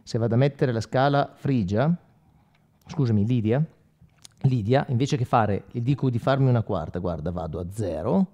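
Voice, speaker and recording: Talking straight to the camera, a forties-aged guitar instructor walks through gear in an informal demo, pausing for short check-in questions. His mid-range voice is warm and moderately paced, the sound is lo-fi, and effects-driven electric guitar plays behind him.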